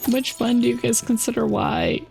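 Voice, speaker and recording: A woman's voice: fairly high pitch, flat delivery, normal speed, vocal fry, darkish tone, faint music behind. A woman streamer chatting casually to her viewers while playing a game. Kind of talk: casual gaming chat.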